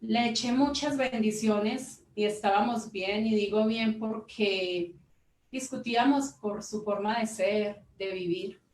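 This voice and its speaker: A woman's voice: mid-range voice, slow, a little mellow, reverberant, far from the mic, poor audio. A mother giving an emotional personal testimony, telling her story earnestly and acting out the dialogue she quotes.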